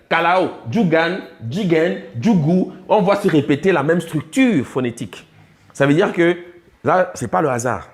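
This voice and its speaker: Lecturing man with a raised voice. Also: on the high side. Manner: explanatory, quizzes the class often. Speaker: teacher. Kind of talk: classroom lecture on language.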